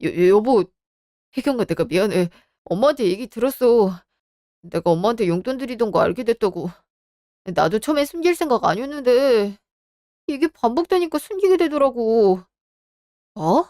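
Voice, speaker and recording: A woman's voice: fairly high pitch, expressive, moderate pace, long pauses, mellow, dry recording, clean studio sound, natural voice. A woman voicing an apologetic, evasive young husband who stammers in a radio drama. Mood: defensive. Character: sheepish young married man, defensive husband.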